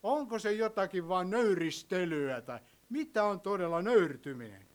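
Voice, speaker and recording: Man preaching with a high voice. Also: expressive. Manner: storytelling, swings between soft and loud. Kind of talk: sermon.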